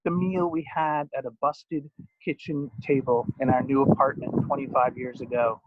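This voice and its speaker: At home, a man reads his own poems and stories as the author, adding informal asides. His voice is on the high side, and the dry recording sounds dull, muffled and lo-fi.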